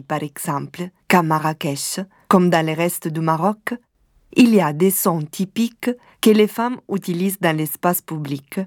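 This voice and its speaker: A woman from southern Italy giving calm, measured scripted documentary narration. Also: fairly low pitch, no room sound.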